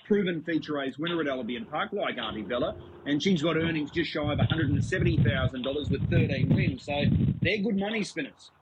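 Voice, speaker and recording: A man's voice: a little high, animated, brisk, few pauses. A man with an Australian accent conducting a sports interview on racing, putting articulate questions packed with facts. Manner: articulate, fact-heavy questioning. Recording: dull lo-fi audio with noise.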